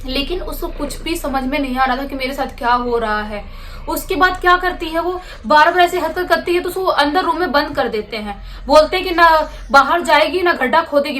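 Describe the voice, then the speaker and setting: A woman's voice: high voice, fairly bright tone, a little hiss or hum. A woman telling a true horror story in a casual, conversational way, acting out moments as she goes. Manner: conversational, gestures with words like "like this".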